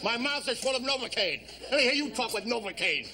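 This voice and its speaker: A man's voice: extremely high pitch, very animated, fast, heavily acted. An actor playing a blustery small-town booster club president who slurs his words because his mouth is numb from Novocaine. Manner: slurred, numb-mouthed speech. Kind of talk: sitcom acting. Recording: sitcom recording with background noise.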